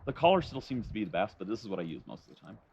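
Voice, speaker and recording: A man on his ranch, casually explaining how he trains his dog, with bursts of high praise for the dog. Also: very animated, rapid-fire, gravelly, a little mellow, distant mic, a little hiss or hum. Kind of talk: casual vlog narration and dog commands. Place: outdoors on a ranch.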